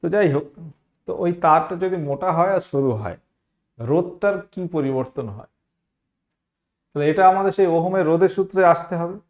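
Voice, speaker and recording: A man's voice: fairly high pitch, brisk, long pauses. A man teaching an exam-prep science lesson, explaining step by step, repeating key terms and asking the students questions.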